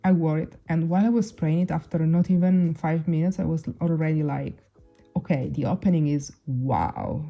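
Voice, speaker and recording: A young woman, Italian by first language, chats casually to camera as a perfume reviewer, restarting often and using many fillers. Her deep voice holds a steady tone at normal speed with vocal fry. Soft music plays behind her on a dull lo-fi recording.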